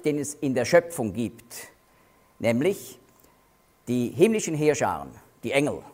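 A man teaching through Bible verses, explaining terms with slow, stressed emphasis. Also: fairly high pitch.

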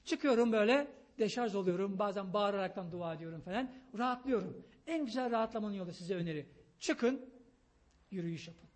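A man giving an emphatic, excitable sermon on parenting, pleading with his listeners in a loud voice. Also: high-pitched, fairly quick. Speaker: preacher.

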